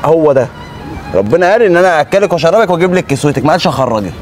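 A man's voice: on the high side, expressive, racing, darkish tone, soft background music. A young Egyptian man, sounding like a bossy, scornful husband, quarrelling with his wife on a city street. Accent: Egyptian Arabic. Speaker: husband in a staged street argument. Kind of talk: staged street argument.

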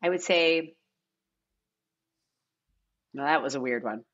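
Over a video call from her bright living room, a middle-aged American casting director wearing headphones talks as a podcast guest. She takes it slowly in a low voice, rambling casually and unscripted with frequent "like" and "you know." The slightly dull, lo-fi audio carries a little hiss or hum.

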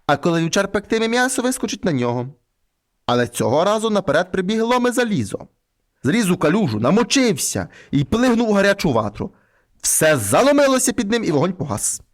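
A man reading a folk fairy tale aloud in an expressive storytelling manner. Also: sits high, fairly quick.

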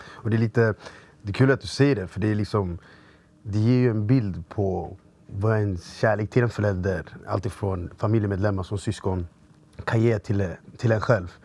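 A man with a low, husky voice asks his guest long, rambling questions, searching for words as he talks. He speaks in a relaxed, conversational way on a podcast. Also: dry recording. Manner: rambling, searching phrasing with fillers. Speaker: podcast host. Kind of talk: casual interview questions.

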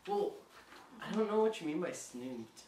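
A young man hosting a casual game video with a friend, joking and teasing, quick to laugh. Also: high voice, expressive, darkish tone, a little hiss or hum. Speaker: vlogger host. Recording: roomy and distant mic.

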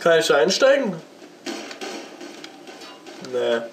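Fighting a slight cold and a sore throat, this let's play gamer keeps up a chatty, joking commentary on his own play, even addressing the game itself as music plays behind him. His voice runs on the high side, sing-song, and he takes his time.

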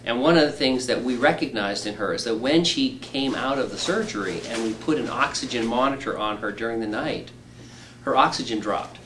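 A man's voice: medium pitch, a little fast, background noise. A middle-aged man, a surgeon, patiently explaining an operation to patients in plain words with homely examples. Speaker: weight-loss surgeon. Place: indoor room.

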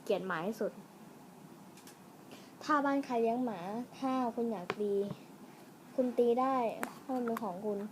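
A woman with a fairly high voice talks casually to her viewers while unboxing toys at home, wandering off into musings mid-sentence. It is a home camera recording with clear noise underneath. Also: moderate pace, pauses often, rough recording. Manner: chatty, addresses viewers, trails off and muses aloud. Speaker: vlogger reviewing toys and snacks. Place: room at home.

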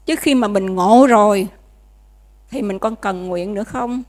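A nun, giving a dharma lecture in a conversational way and often checking that listeners follow. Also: female voice, mid-range voice, measured pace, darkish tone. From Vietnam. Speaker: Buddhist nun teaching.

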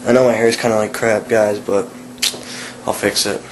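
A man's voice: lowish voice, little pitch movement, normal speed, a little hiss or hum, rough recording. A man talking casually to his viewers in a home vlog, upbeat and chatty, calling them guys. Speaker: vlogger. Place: family home on a holiday.

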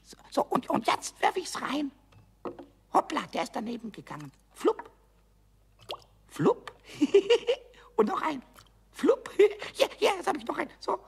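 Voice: high-pitched, wildly swooping pitch, takes it slowly, creaky, long pauses, exaggerated voice. A performer voicing a mischievous little male kobold in a radio play, stammering, giggling and chattering. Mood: excited chatter.

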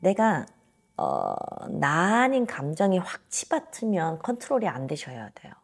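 Reading her client's fate, a fortune teller in her thirties is blunt and emphatic, her fairly low voice carrying a gravelly, husky edge. Her pitch swings hugely and her pace is a little slow, captured by a lapel mic in a small indoor office.

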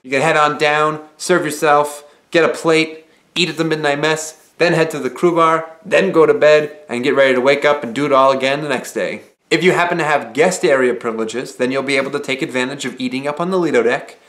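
A young man talking relaxed and conversational to the camera in a small living room, explaining things with casual filler phrases. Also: a little high, a little fast. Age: young adult. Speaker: vlogger. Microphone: camera mic, head-and-shoulders framing.

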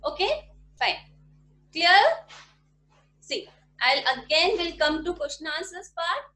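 A woman's voice: very high voice, expressive, takes it slowly, pushed and bright. A woman, teaching an online class from a small room at home, patiently repeating questions to check that her pupils follow. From India. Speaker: primary school teacher. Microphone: laptop webcam mic at desk. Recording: echoey room audio from a video call.

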